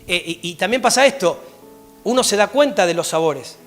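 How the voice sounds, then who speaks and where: A man with an Argentine accent preaching a sermon and reading Bible verses aloud, often checking in with a quick "¿sí?". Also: sits high, soft background music. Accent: Argentine Spanish. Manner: animated, often checks in with a rising "¿sí?". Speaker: pastor. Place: church.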